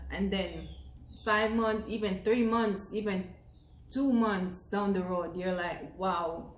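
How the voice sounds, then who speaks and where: A young Jamaican woman with a Jamaican accent and a medium-pitched voice talks to the camera in a casual vlog. She's earnest and encouraging, repeating phrases for emphasis. The audio is poor, with a roomy sound.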